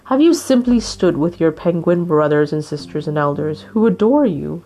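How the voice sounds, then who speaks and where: A woman's voice: low-pitched, animated, moderate pace, warm tone, soft background music. A woman voicing a pompous, wise old male walrus who speaks in a grand, flowery way. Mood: lofty.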